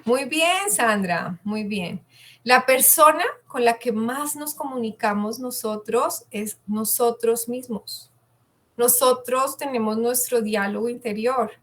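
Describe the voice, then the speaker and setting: A woman's voice: a little high, slow, fairly bright tone. A woman giving an online communication masterclass, chatting and putting questions to her audience. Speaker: communication coach.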